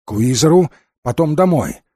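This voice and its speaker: Man reading tense young husband, curt and pushy, slightly husky. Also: on the high side, animated, normal speed, warm tone, no echo, studio quality, pitched above the performer's own voice. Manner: curt, insistent.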